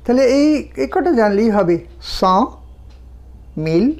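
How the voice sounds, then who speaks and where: A woman teaching French numbers, counting them out slowly one by one and explaining pronunciation step by step. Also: medium pitch, lively intonation, a little mellow. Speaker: language teacher. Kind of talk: slow, deliberate language lesson.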